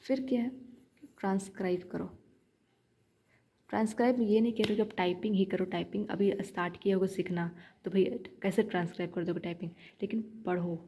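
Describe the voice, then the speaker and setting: A young woman talks through study tips in a relaxed, chatty vlog, repeating her points like a friendly coach. Her voice sits at an everyday pitch with a soft, mellow tone. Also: brisk, a little hiss or hum. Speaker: shorthand learner vlogger. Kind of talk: casual teaching vlog.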